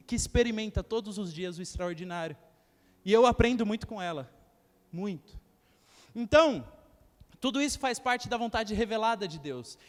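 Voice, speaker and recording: A young male preacher with a strikingly high voice gives a sermon. He tells stories and acts out short quotes, addressing the congregation directly. His voice rings with a long church reverb. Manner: storytelling with acted quotes and asides to the congregation.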